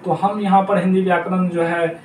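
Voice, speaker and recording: High-voiced male teacher in an echoey room. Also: little pitch movement, moderate pace, darkish tone. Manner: repetitive, drills terms aloud. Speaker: Hindi grammar teacher. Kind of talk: classroom lesson to children. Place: noisy room. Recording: echoey room, distant mic, faint noise.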